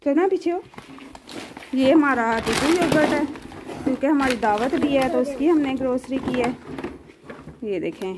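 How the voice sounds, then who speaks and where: A Pakistani woman in her thirties chattily lists groceries one by one in a casual home vlog, shot on a handheld phone with groceries strewn across the floor. Her voice sits high, her pace is moderate with long pauses, and the recording is noisy.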